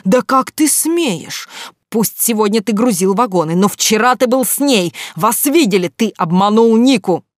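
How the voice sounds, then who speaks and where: A narrator voicing a domineering middle-aged man who shouts threats in a story read aloud. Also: medium pitch, fairly even intonation, measured pace, no room sound, clean studio sound, close to an everyday voice. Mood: furious.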